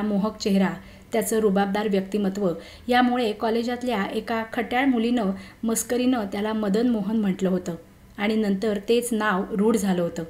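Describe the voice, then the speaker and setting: A woman narrating a story in a steady, measured storytelling manner. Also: a little high. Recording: roomy echo.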